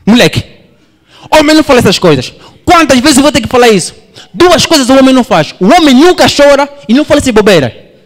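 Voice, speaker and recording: A man voicing a stressed, harsh father who shouts and scolds his young son. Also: very high voice, very animated, quick pace, voice pushed up. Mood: scolding. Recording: long hall reverb.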